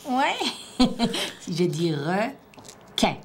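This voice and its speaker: A woman teacher with a Québécois French accent, slowly and patiently prompting a child through a one-on-one reading assessment. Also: mid-range voice, lively intonation. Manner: slow, patient, drawn-out word-by-word prompting. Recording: faint background noise.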